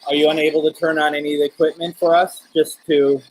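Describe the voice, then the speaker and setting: A man hosting a live spirit-communication session, speaking in gentle, coaxing questions with pauses between them. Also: on the high side, little pitch movement, low-quality recording. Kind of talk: live-streamed seance, addressing spirits and viewers.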